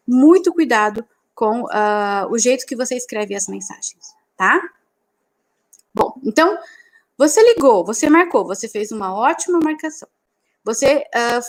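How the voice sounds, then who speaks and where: Brief: female dentist teaching clinic staff, chatty, keeps checking in, slightly high voice. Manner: chatty, frequent "né?" and "tá?" checks, acts out dialogues. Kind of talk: casual online lesson.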